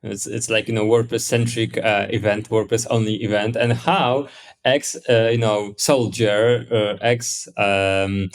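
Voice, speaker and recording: A man's voice: on the low side, steady tone, unhurried. A man hosting a podcast interview who often stammers and restarts his words as he asks questions. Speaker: podcast host.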